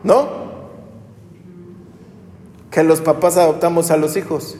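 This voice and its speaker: A man's voice: on the high side, fairly even intonation, slow pace, warm tone, reverberant, long reverb tail, slight background noise. A man preaching a sermon as pastor, talking conversationally with rhetorical questions.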